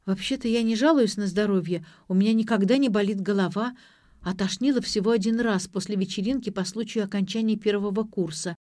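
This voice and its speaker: A woman reading an audiobook, voicing a sharp-tongued young female student with mocking, quick retorts. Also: mid-range voice, no echo, studio quality, close to an everyday voice. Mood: uneasy.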